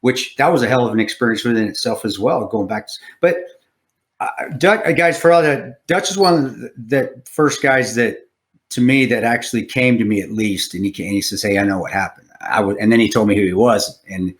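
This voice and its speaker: A man's voice: mid-range voice, brisk. A man hosting a casual interview podcast, telling stories in a profane, rambling way full of restarts. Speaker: podcast host.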